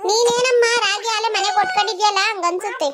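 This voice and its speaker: A woman's voice: very high voice, fast, very noisy. A woman voicing a forgetful, grumbling elderly village grandmother in a cartoon, speaking. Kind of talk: cartoon voice acting.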